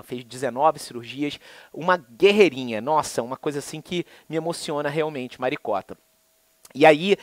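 A man with a Brazilian Portuguese accent teaching a law lesson in a lively, colloquial way, full of anecdotes and acted-out dialogue. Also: no room sound. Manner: lively, colloquial, acts out dialogue with swings in pitch. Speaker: law lecturer.

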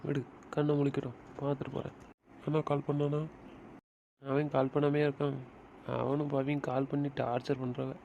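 A man's voice: mid-range voice, monotone, a little fast, creaky, mellow, muffled recording, slight background noise. A man voicing both friends in an emotional audio drama, talking in a comforting and pleading way.

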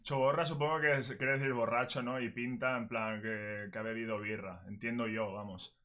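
A man's voice: medium pitch, steady tone, normal speed, background noise. A man with an accent from Spain giving casual, chatty commentary while reacting to a freestyle. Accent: Spanish from Spain. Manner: chatty, explains as he goes. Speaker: reaction video host.

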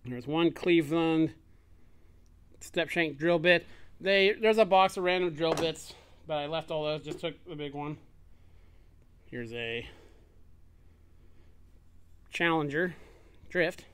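A man in a workshop casually showing tools he bought, speaking plainly and trailing off quietly at the ends of thoughts. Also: a little high, slow, pauses often, a little hiss or hum. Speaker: shop owner showing a tool haul. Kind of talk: casual show-and-tell narration. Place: workshop bench.

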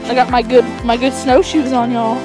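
A young woman, chatting excitedly in a casual travel vlog from inside a moving car, laughing and shouting out exclamations, recorded on a dashboard camera. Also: fairly high pitch, normal speed, over music. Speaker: vlogger.

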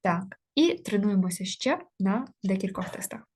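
A woman's voice: medium pitch, lively intonation, normal speed, darkish tone, husky. A woman teaching an exam-prep grammar lesson, explaining step by step with frequent hesitations. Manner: explains step by step with many fillers.

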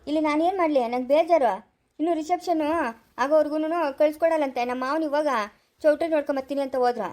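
Woman doing young policeman, eager, chatty, fast talker, high light voice. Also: dark tone, lightly acted. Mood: restless.

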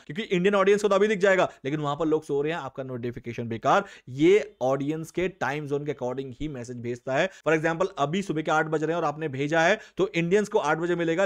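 Upbeat, higher-voiced man explaining a tutorial. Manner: casual instructive, addresses viewers as guys; mixes English phrases into Hindi. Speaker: tech tutorial host. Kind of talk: screen-recorded tutorial.

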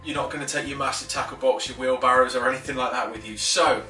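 Sharp in tone but steady, a man with a mid-range voice runs an enthusiastic, chatty tackle tutorial to camera as a fishing instructor, sprinkling in filler words and quick restarts. He sits at a wooden table in his living room. The camera is a few feet away, giving roomy, slightly distant audio with faint music.

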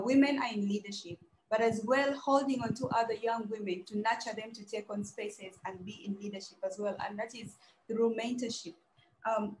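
A woman's voice: medium pitch, reverberant, a little hiss or hum, poor audio. A young woman from South Sudan giving an earnest, urgent conference talk over a webcam video call, repeating phrases for emphasis. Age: young adult. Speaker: conference speaker. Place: dim indoor room.

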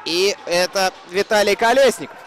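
High-voiced male hockey commentator. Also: normal speed, a bit bright, some chatter behind, slight background noise. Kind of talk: live sports commentary.

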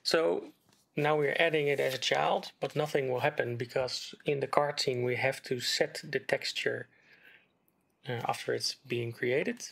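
In a screen-recorded coding tutorial, a game development tutor explains code in a gravelly, mid-range voice at an unhurried pace. Relaxed and step by step, he talks while typing, with keyboard and mouse clicks in the background.

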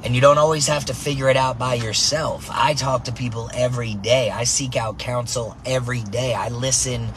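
A man coaching softball who talks in an energetic motivational monologue, tagging his points with "right?" and "man", recorded in a car. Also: medium pitch, normal speed, few pauses, a little hiss or hum.

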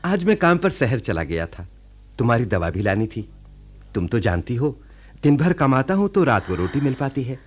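Sappu, earnest kind village laborer. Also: male voice, mid-range voice, big pitch swings, moderate pace, slightly rough, dull audio. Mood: tender. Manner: earnest, gentle, caring. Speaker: radio play actor. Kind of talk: radio drama acting.

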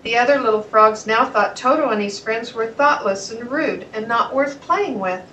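A woman reading a children's storybook aloud in a plain, steady way. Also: fairly high pitch, moderate pace, distant mic, dull audio, a little hiss or hum. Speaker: narrator.

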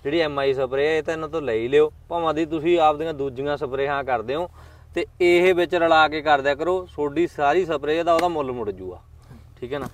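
A man's voice: a little high, brisk. A Punjabi man hosting a farming interview, chatting casually and speaking directly to viewers. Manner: chatty, addresses viewers as friends. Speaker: farming channel host.

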